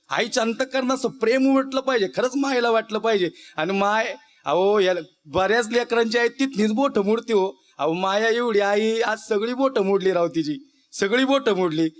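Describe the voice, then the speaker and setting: High-voiced male kirtan preacher. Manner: emotional, rustic, addresses the audience directly. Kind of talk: devotional kirtan sermon.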